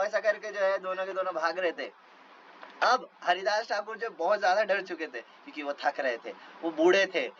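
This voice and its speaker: A man's voice: sits high, fairly bright tone, lo-fi sound, a little hiss or hum. Chuckling man retelling a devotional story. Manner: chuckles often, conversational fillers. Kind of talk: reading a passage then retelling it casually.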